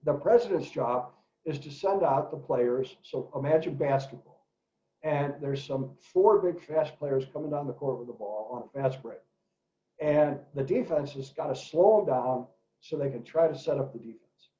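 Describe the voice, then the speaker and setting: A middle-aged man, an educator, giving an animated talk to parents and telling stories in character voices, in an echoey room with dull lo-fi sound. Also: medium pitch, normal speed. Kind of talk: presentation for parents.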